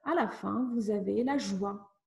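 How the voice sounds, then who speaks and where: Slow, clear woman teacher. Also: medium pitch. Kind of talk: classroom lesson narration.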